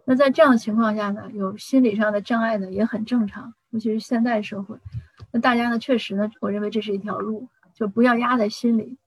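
Husky-voiced woman giving parenting advice. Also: a little high, steady tone, fast, no room sound, rough recording. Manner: conversational, with frequent restarts and anecdotes. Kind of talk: casual advice talk.

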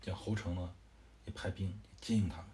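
A man's voice: low voice, fairly even intonation, brisk, dark tone, slight background noise. A man casually retelling a classic historical novel, chatty, with fillers and asides. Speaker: storyteller.

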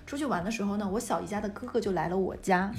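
A woman's voice: mid-range voice, rapid-fire, a little hiss or hum. A woman from Northeast China co-hosting a podcast, telling family anecdotes in casual chat and often laughing. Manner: lively anecdotes, breaks into laughter. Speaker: podcast co-host.

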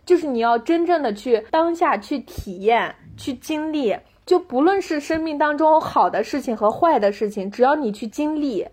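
A woman's voice: high-pitched, animated, normal speed, few pauses, a little mellow. A woman chatting casually in a reflective, earnest and effusive way. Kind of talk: casual chat.

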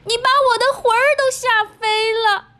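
A woman reading a storybook aloud, voicing a tiny, easily startled old woman with high squeaky cries. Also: normal speed, fairly bright tone.

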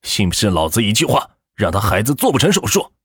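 A man's voice: mid-range voice, wildly swooping pitch, moderate pace, slightly rough, dry recording, studio quality. A man doing a coarse swaggering bully. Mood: blustering. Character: fat arrogant crude male supplier, bullying.

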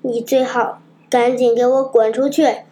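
A woman's voice: a little high, level tone, measured pace, close to an everyday voice. A woman reading a storybook, voicing a naughty, rude wooden puppet boy who talks brashly. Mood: defiant. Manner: brash, shouting, cheeky.

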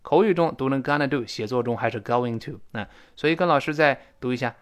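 A man's voice: medium pitch, a little fast. A man teaching a spoken English lesson, explaining pronunciation and modeling phrases for learners to repeat.

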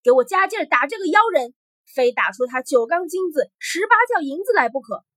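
A man's voice: big pitch swings, normal speed, husky, heavily acted. A woman voicing a greedy, furious old male emperor who bellows his orders, in a storybook tale. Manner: loud, booming and bullying.

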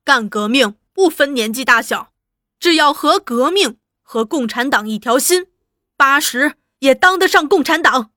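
A woman's voice: a little high, animated, normal speed, a bit bright, dry recording, clean studio sound. A woman voicing an earnest young revolutionary woman, speaking firmly and emphatically in an audiobook. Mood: fervent. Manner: firm, fervent, emphatic. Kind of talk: audiobook character voice.

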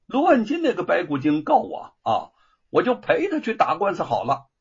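Teasing young scholar done by a man, husky, bright and high, wildly lively pitch. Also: normal speed, full character voice. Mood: breezy. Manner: bantering, breezy, teasing. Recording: dull lo-fi recording.

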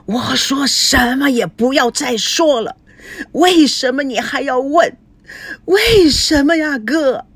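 A grieving old man, put on by a woman reading a novel aloud, talks low and slow in a husky, breathy voice. He coaxes and pleads with his long-lost brother. Storybook narration. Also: no room sound. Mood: anguished.

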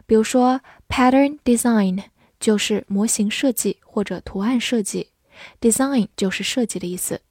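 Chinese lady teaching english vocab, spells stuff out slow and clear, kinda high voice, dry close mic. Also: a little mellow, dry recording. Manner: clear, patient, spells words letter by letter. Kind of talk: vocabulary lesson, spelling and slow read-alongs.

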